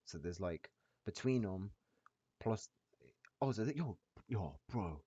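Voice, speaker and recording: A man's voice: lowish voice, lively intonation, slow, warm tone, breathy edge. A man chatting casually with trading friends in slangy, hyped frat-bro talk, calling everyone bro and boys. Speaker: day trader sharing screen with a group. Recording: dull, roomy echoey voice-chat audio.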